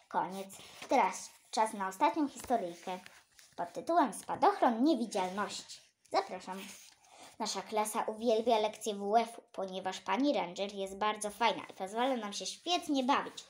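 A woman reading a children's book aloud, animated, her voice leaping up for exclamations. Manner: animated, jumps high for exclamations. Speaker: storyteller.

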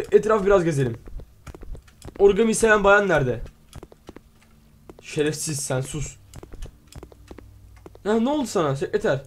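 Excitable man narrating his gameplay. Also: a little high. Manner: excitable, exclaims and playfully swears at the game; reads game text aloud and translates it. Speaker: gaming video host. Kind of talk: let's play commentary.

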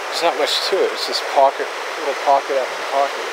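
A man giving casual running commentary while fly fishing, talking in a relaxed way to himself between casts, recorded on a body-worn camera outdoors. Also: medium pitch. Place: outdoors beside a rushing river. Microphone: head or chest camera. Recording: loud river noise outdoors. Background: loud rushing river water.

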